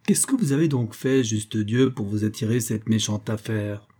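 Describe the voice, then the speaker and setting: A man doing a courtly, smooth-talking prince. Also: fairly low pitch, moderate pace, dark tone. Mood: reassuring. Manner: flowing, courteous explanation. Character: courtly male prince, polished and reassuring friend.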